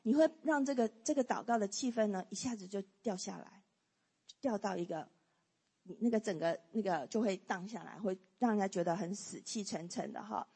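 A woman's voice: medium pitch, brisk, mellow, breathy edge. A woman teaching a church class on prayer, leading the group through points and often saying "好" and "哈". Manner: leads group reading, frequent "好" and "哈" fillers. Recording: long hall reverb.

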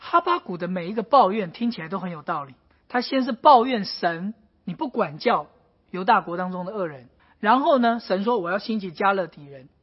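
A woman's voice: mid-range voice, expressive, brisk, breathy edge. A woman preaching a sermon, acting out pleading prayers with dramatic intensity. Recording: dull lo-fi recording.

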